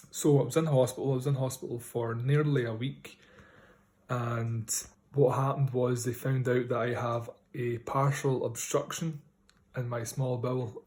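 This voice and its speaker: A man vlogger speaks in a broad Scottish accent with a medium-pitched voice. He talks casually, as in a personal video diary, while trying to keep his words clear for listeners. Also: darkish tone. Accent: strong Scottish. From Scotland. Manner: speaking carefully to be understood.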